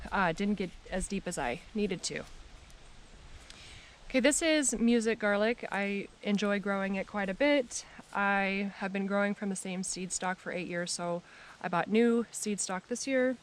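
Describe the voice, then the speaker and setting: A woman's voice: mid-range voice, a little slow. A woman talking casually as she hosts a gardening how-to, recorded outdoors. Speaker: host of a gardening tutorial. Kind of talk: casual how-to vlog talk. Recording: faint outdoor background noise.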